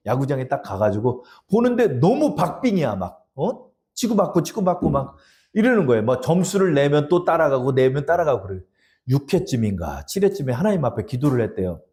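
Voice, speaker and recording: Lively, mellow-voiced Korean pastor preaching. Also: male voice, mid-range voice, brisk. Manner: storytelling with chuckles and acted quotes, leads congregation in repeating lines. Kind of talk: sermon. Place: church sanctuary.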